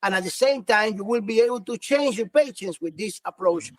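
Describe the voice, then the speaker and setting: High-voiced man with a Cuban Spanish accent. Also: expressive, a bit bright, dry recording. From Cuba. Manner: earnest, halting with many restarts. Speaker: physician guest. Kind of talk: podcast interview.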